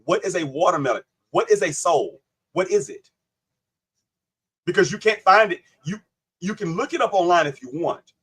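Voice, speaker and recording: A man's voice: sits high, lively intonation, normal speed, pauses often, fairly bright tone, breathy edge. A man hosting a live online panel, debating insistently, cutting in and repeating his questions. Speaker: livestream host.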